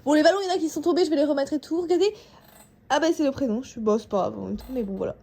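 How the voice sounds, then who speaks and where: A woman's voice: high-pitched, very fast, creaky, warm tone, slight background noise. A young woman chatting casually to her viewers at home, rambling with lots of fillers and asides. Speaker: vlogger. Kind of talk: casual vlog chat to viewers. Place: home, indoors.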